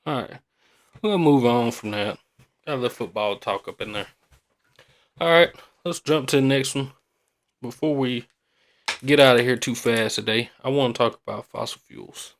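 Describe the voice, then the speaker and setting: A man's voice: medium pitch, normal speed, pauses often. A man hosting a podcast in a casual, rambling, colloquial way, often repeating himself. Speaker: podcast host.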